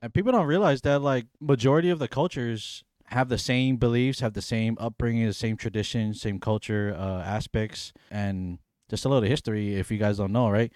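A man's voice: medium pitch, moderate pace, hardly any pauses, a little mellow, dry recording, studio quality. A young man from Hawaii co-hosting a podcast, talking in an easygoing, chatty way with lots of "you know". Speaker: podcast co-host. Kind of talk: casual chat.

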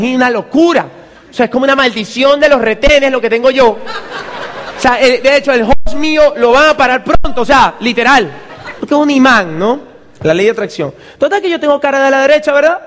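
A man's voice: very high-pitched, long reverb tail. A man, a motivational speaker telling a comic story to an audience and acting out the other people's voices. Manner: lively, acts out the voices of others.

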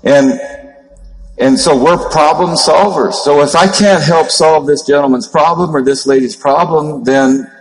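A man in his fifties with a Minnesota accent, giving a motivational seminar talk as a network marketing trainer in a monotone voice. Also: a little high, measured pace. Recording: long hall reverb.

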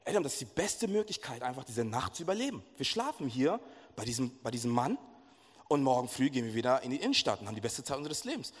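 A man playing his relaxed, trusting young brother-in-law, who takes everything easy. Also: medium pitch, quick pace, breathy edge. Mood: easygoing. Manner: relaxed, easygoing. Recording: echoey hall.

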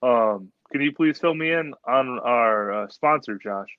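Emphatischer Mann, dumpfe trockene Aufnahme. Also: male voice, medium pitch, lively intonation, a little slow, clean tone, no echo. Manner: emphatic, repeats himself for stress. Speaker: podcast co-host. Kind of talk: casual chat. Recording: dull, dry lo-fi sound.

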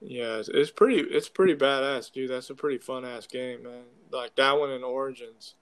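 A man's voice: medium pitch, normal speed. Frat-bro guy chatting casually. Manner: frat-bro slang, swearing freely. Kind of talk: casual chat about video games.

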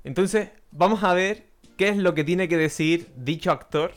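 Chatty podcast host over faint music. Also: male voice, sits high, moderate pace. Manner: chatty, jokey, with frequent restarts. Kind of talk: casual live-stream chat. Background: faint background music.

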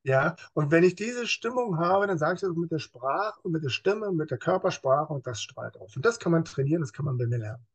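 A man with a somewhat high, husky voice speaks as a guest in a casual interview. He talks in a lively way, explains things with everyday examples and drops into other voices to act out what people say. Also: fairly quick, hardly any pauses. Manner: lively, acts out quoted speech in other voices. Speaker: police officer as interview guest.

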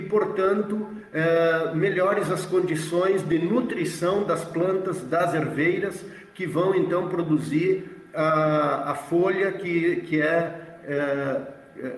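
A Brazilian man giving an explanatory presentation, haltingly, repeating words as he searches for phrasing. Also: a little high. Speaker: agricultural extension worker, interviewee. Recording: roomy, echoey, distant from the mic.

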